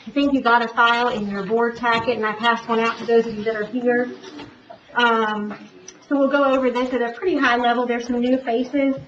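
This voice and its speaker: A woman's voice: on the high side, steady tone, moderate pace, a bit bright. Echoey, distant woman talking through face mask. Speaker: auditor presenting report. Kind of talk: formal report presentation. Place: public board meeting room. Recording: echoey room, distant mic, dull, faint noise.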